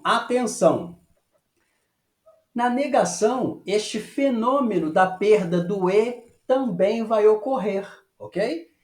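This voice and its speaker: Animated man teaching French. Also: high voice. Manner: patient, repeats "ok?" often, slows down to model French phrases. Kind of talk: online language lesson. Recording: echoey room.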